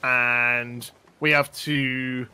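A man's voice: mid-range voice, flat delivery, extremely slow, bright, forceful tone, smooth. A man joking and chatting casually with friends as he plays a video game. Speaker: gamer. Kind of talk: casual group gaming banter.

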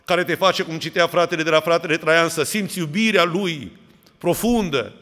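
A man's voice: on the high side, a bit bright, big-room sound. A man, an Orthodox priest preaching a sermon with emphatic rhetorical questions.

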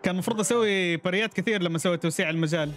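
Talking very fast in a high-pitched, fairly bright voice, a man streams a game with casual commentary, reacting out loud and welcoming viewers by name. Faint music sits in the background.

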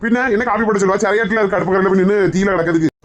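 A woman voicing a grumpy older husband and father-in-law with a Kanyakumari accent, speaking gruffly in a noisy recording. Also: medium pitch, very fast, dull audio, voice pushed down, lightly acted. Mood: grumbling. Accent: Kanyakumari Tamil.

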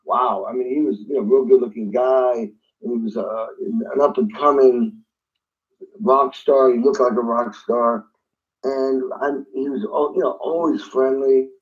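A man's voice: medium pitch, fairly even intonation, unhurried, narrow, tinny audio. A man, a guest drummer, telling a story in an interview and acting out phone calls in different voices.

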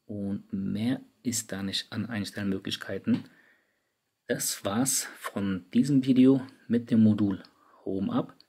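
A man with a low, gravelly voice and a slightly husky edge talks viewers through phone settings. He keeps it casual and chatty, speaking directly to his audience. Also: fairly even intonation, slow, mellow. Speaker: tech YouTuber. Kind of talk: screen-recorded app tutorial. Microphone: studio microphone.

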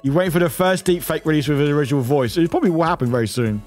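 A streamer reacting to a trailer live, excitable and scattered, swearing freely and interrupting himself. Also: male voice, a little high, racing, soft background music.

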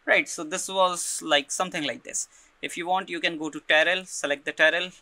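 A man talks through a software tutorial one step at a time, stopping often to check in and repeating words as he goes. His voice sits a little high and cuts through sharply. The recording is dry and close, with no room sound. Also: steady tone, a little fast, no room sound. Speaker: tutorial presenter.

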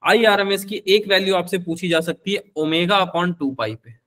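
A young man teaching physics in a live online class, with a slightly high voice. He talks in a chatty, fatherly way, mixing in terms. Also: moderate pace, sharp tone. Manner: chatty, calls students beta, answers their questions.

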